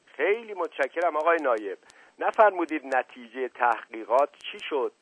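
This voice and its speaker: A man voicing a sly, flattering middle-aged father in a story reading, smooth-talking. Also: fairly high pitch, dry recording, voice pushed up. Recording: dry, slightly dull audio.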